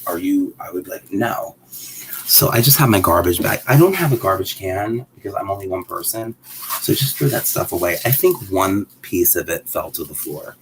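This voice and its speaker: Low gravelly-voiced man rambling excitedly. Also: background noise. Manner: rambling, excitable, self-interrupting. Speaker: vlogger. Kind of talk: casual chat while handling a doll.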